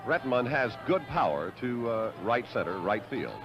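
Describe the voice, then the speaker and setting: A man's voice: medium pitch, big pitch swings. Vintage baseball announcer, man, noisy old broadcast. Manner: classic baseball announcer delivery, measured calls. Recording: dull, noisy vintage 1970s broadcast audio. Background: loud stadium ambience and noise.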